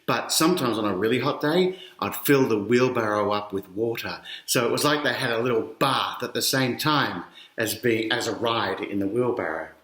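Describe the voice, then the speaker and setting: This middle-aged Australian man has a mid-range, fairly bright voice and reads at a moderate pace. He's sharing a picture book with children, talking to them directly with questions and explanations along the way, in an echoey, roomy indoor space.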